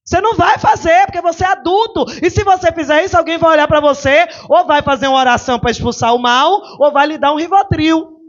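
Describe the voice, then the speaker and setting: Brief: woman pastor, animated sermon, high voice, dull lo-fi recording. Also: quick pace. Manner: animated, rhetorical, questions the congregation.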